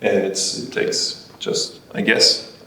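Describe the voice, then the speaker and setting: A man speaking English as a guest at a festival talk, halting and full of fillers as he looks for words. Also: pushed and bright. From Germany. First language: German. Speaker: band member, guest. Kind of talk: casual panel interview. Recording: echoey hall, distant mic, faint noise.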